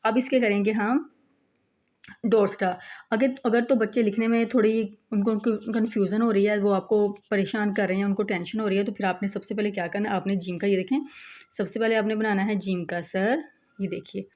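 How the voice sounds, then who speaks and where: A woman's voice: medium pitch, fairly even intonation, fairly quick, darkish tone. Patient woman teaching letters step by step. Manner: patient, repeats "look" while showing each step.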